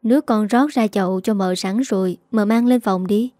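A woman voicing a clumsy, put-upon young male servant who talks in a quick, whiny, flustered way. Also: high-pitched, mellow, no echo, clean studio sound, natural voice.

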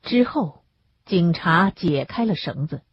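A woman narrates an audiobook with expressive, lively intonation and a strongly husky, breathy voice. The recording is dry and close, with a dull lo-fi sound. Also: fairly low pitch, slow, no echo. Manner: expressive storytelling.

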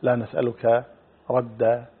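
A middle-aged male Islamic scholar answering religious questions in a measured, explanatory way, quoting hadith. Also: mid-range voice, monotone, slightly rough. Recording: phone-like narrow band.

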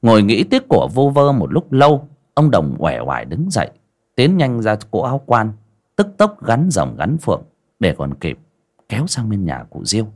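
Lively low-voiced male storyteller. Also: moderate pace. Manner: expressive, vivid. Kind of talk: folksy story narration.

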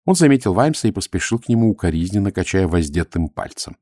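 Low-voiced male audiobook narrator. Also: fast talker, no room sound, studio quality. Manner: expressive, lively reading.

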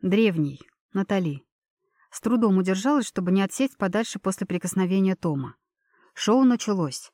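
A woman reading a first-person fantasy novel as a steady audiobook narrator, voicing the dialogue with small lifts. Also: medium pitch, normal speed, no room sound, studio quality.

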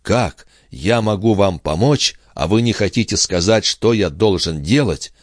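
A man's voice: on the low side, expressive, unhurried, dry recording, studio quality. A man doing a flustered young farmhand. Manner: flustered, eager to please. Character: awkward earnest big-handed young farmhand.

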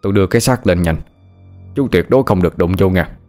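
Calm, knowing old grandfather, deep voice, voiced by a male storyteller. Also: fast, faint music behind, lightly acted. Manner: calm, reassuring. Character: calm wise old grandfather, a spirit ward-maker.

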